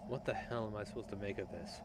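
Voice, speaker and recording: A man's voice: lowish voice, fairly even intonation, fast. A man giving casual gameplay commentary with muttered, unsure asides and the odd curse. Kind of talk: casual let's-play commentary. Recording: noisy home gameplay recording.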